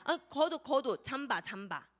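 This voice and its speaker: A woman's voice: high voice, moderate pace. A young woman teaching a Sunday school Bible lesson to children, asking them questions and acting out little scenes. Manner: lively, asks children questions and acts out scenes.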